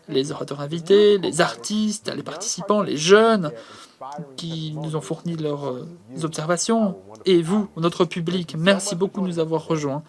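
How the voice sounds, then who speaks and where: A man with a voice pitched a little above the usual male range delivers voice-over interpretation of speeches. His pacing is measured and he pauses often with small hesitant fillers as he keeps up with the speakers.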